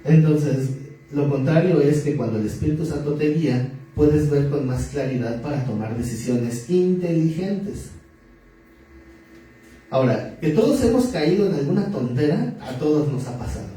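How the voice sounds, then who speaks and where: A male pastor preaches in an easy, joking manner and keeps asking his listeners questions. His voice sits a little high but sounds very dark and mellow. He is heard from well back in a very echoey hall, with faint noise behind him. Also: animated, moderate pace, distant mic. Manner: conversational, joking, asks the audience questions. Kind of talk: sermon.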